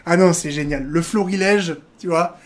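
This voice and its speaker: A man with a slightly high voice and moderate pace hosts a casual reaction video. He tells crude jokes and laughs often, rambling off into asides that drift between jokes and serious remarks.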